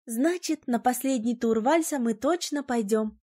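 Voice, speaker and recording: A woman's voice: fairly high pitch, measured pace, warm tone. A woman reading an audiobook, voicing an eager, romantic young female friend in a raised, lighter voice.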